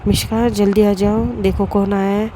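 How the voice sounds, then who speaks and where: A woman's voice: mid-range voice, little pitch movement, moderate pace, warm tone, slight background noise, lightly acted. Woman voicing a fond, fussing mother. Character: middle-aged mother, fond and flustered.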